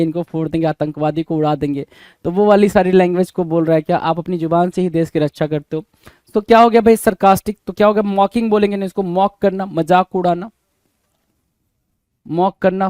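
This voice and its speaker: High-voiced Indian male vocabulary teacher. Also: a little mellow, dry recording. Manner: keeps asking the class questions, Hindi-English mix. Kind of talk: exam-prep vocabulary lesson.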